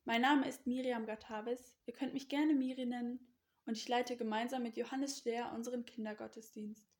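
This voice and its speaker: A woman who leads a children's church service, telling a Bible story in slow, clear, gentle narration. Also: fairly high pitch, steady tone.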